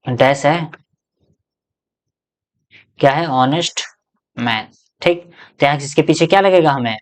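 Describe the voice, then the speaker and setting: Male teacher, grammar lesson, rhetorical questions, answers them himself, checks in constantly. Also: mid-range voice. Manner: keeps checking in with the class.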